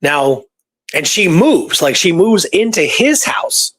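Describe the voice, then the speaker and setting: A high-pitched man with big pitch swings and a fairly bright tone speaks slowly as he hosts a history podcast. Conversational and speculative, he presents historical research, reads from old records and often checks in with his listener.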